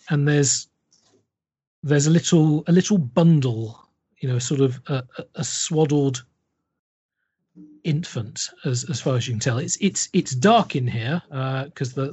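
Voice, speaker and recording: A man runs a tabletop horror game, narrating slowly and haltingly, with many repeated words. His voice is husky. The recording sounds dull. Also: mid-range voice, a little mellow. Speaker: game master.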